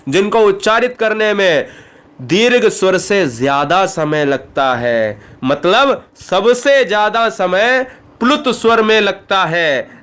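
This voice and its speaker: A man with a noticeably high voice teaches an exam-prep grammar lesson with a Bihari Hindi accent. He talks straight to his students and keeps checking that they follow with quick rhetorical questions. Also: lively intonation, a bit bright, clear, resonant tone. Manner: addresses students directly, asks rhetorical questions.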